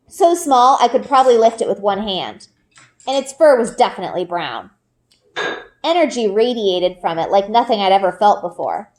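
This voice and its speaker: A woman with a mid-range voice reads a children's book aloud the way a teacher would, adding expressive storytelling emphasis and dramatic pauses.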